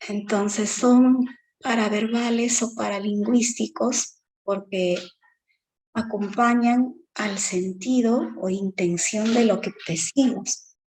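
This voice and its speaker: A woman teacher giving an exam-prep lecture, explaining slowly with many fillers and tag questions. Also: medium pitch, darkish tone, husky, low-quality recording.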